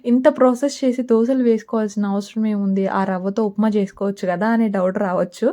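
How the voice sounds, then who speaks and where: A woman's voice: mid-range voice, fairly even intonation, a little fast, mellow. A woman giving a casual cooking voice-over, chatting politely with her viewers. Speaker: cooking vlogger.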